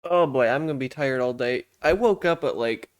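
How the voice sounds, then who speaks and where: Live streamer, playful gamer chatter, self-deprecating, casual, medium-pitched voice. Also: moderate pace. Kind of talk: casual livestream chat with viewers.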